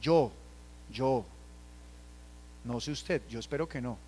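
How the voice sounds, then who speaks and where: A man from Colombia, preaching a sermon and acting out everyday scenes in quoted voices, dropping to a hush and then rising loud. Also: mid-range voice, takes it slowly, a little hiss or hum. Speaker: pastor.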